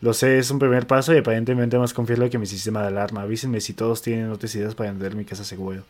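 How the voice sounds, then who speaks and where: Rapid-fire and lowish in pitch, a Mexican-accented man reads posts to a friend during a laid-back conversation. He keeps restarting lines and slipping in slang.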